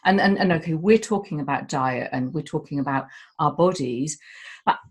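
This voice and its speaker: A woman with a slightly low-pitched voice, talking candidly and from the heart. She speaks with open emotion and drops the odd casual swear word, sounding unguarded. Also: moderate pace, breathy edge. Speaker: guest. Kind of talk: candid conversation.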